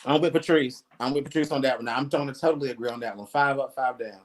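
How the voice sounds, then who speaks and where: A man in his thirties chatting on a podcast in an animated, slangy way, acting out quotes. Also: medium pitch, quick pace. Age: 30s. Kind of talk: casual podcast chat.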